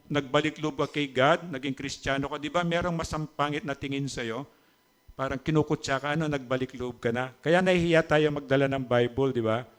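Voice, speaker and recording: A man's voice: fairly high pitch, fairly bright tone, clean tone. A man from the Philippines preaching a sermon as pastor, talking in a chatty way and often asking the congregation questions. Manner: conversational, teasing asides to the congregation; switches between Tagalog and English. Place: church.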